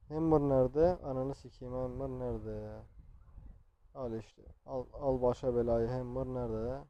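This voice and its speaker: A man's voice: mid-range voice, highs cut off. A man giving gameplay commentary, talking to himself, swearing, and getting frustrated as he plays. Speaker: gameplay streamer.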